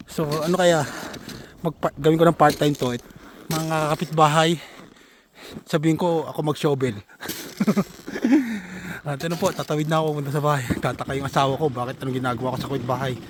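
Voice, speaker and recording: Older man, winded vlogger, chatty with frequent laughs, slightly high voice, faint noise behind. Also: fairly even intonation, fairly quick. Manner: chatty, laughs often between phrases. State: out of breath. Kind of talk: casual vlog narration while shoveling snow. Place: outdoors in winter snow.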